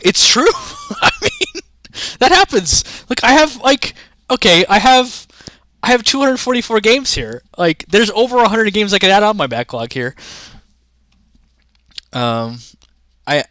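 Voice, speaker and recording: Young guy streaming, rambly and chatty, bright lively voice, dry close mic. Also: a little high, moderate pace, no echo. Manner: rambling, chatty, talks to chat. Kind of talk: casual livestream chat.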